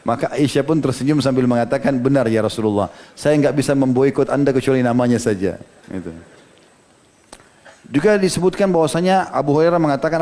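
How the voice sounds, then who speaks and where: A man's voice: mid-range voice, warm tone. A man preaching an Islamic sermon, retelling stories with quoted dialogue. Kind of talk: sermon with storytelling.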